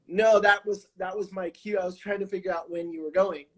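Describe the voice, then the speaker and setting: A man's voice: sits high, steady tone, fairly quick. A man chatting casually as a co-host on a live stream, his speech slightly affected by new braces in his mouth. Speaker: podcast producer and co-host.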